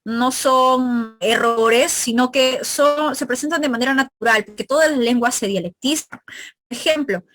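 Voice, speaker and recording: A woman's voice: high-pitched, moderate pace, a bit bright, no room sound. A woman from Peru with a northern Peruvian Spanish accent, teaching a pre-university review class. She explains step by step and keeps checking in with her students. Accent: Peruvian Spanish, northern coast. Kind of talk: recorded review lecture.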